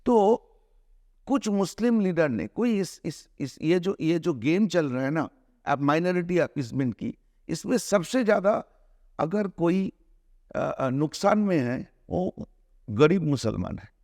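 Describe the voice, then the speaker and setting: A middle-aged man from India, a film director giving an interview, arguing his points earnestly with many restarts and drawn-out hesitations. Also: fairly high pitch, sing-song, darkish tone, no room sound, studio quality. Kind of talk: conversational interview, mixing Hindi and English.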